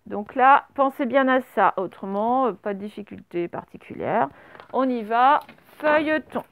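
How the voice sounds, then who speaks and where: Spelling words out one letter at a time, a patient woman teaches children a dictation lesson on camera as their primary school teacher. She talks a little slowly in a voice on the higher side, and the recording sounds dry.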